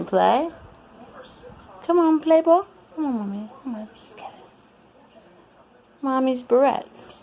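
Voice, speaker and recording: A woman filming at home, cooing baby talk to her cats in drawn-out, sing-song phrases. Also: on the high side, a little mellow, a little hiss or hum. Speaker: cat rescuer filming her pets. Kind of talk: casual home video talking to cats. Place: at home indoors.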